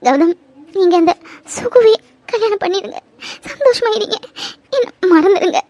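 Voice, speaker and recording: A woman's voice: extremely high pitch, fast. A woman voicing an anxious young woman in a cartoon, pleading and tearful. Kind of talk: cartoon voice acting.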